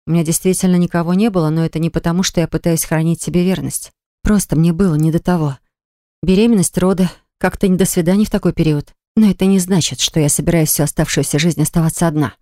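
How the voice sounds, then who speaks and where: Her delivery fast and fairly even, almost like an everyday speaking voice, a woman voices an audiobook character: a young mother who is stubborn and indignant. The character speaks sharply and defiantly and gets shrill when upset, all recorded in a clean studio with no echo.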